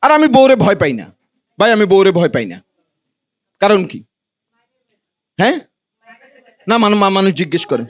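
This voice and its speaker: A Bangladeshi man with a notably high voice performs stand-up comedy. He talks colloquially to a live audience and teases them as he goes. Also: sing-song, normal speed, pauses often. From Noakhali, Bangladesh. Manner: colloquial, teasing banter with the audience.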